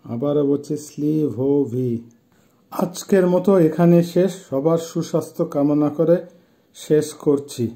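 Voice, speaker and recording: Slow, dark-voiced Bangladeshi man teaching. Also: a little high, vocal fry. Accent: Bangladeshi Bengali. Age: 50s. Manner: slow and methodical, repeating each term. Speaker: language teacher. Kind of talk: vocabulary lesson, word by word.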